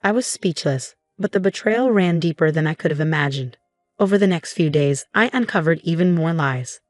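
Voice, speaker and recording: A woman reading a first-person story as scripted narration, in a steady, measured way. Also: sits low, no room sound, clean studio sound, faint music behind.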